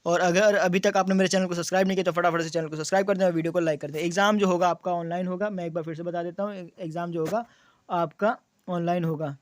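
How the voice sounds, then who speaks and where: A man's voice: high voice, fairly even intonation, fast talker, no room sound. A young man explaining exam details to students, repeating key points as questions and answers, with frequent fillers. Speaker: exam coaching YouTuber.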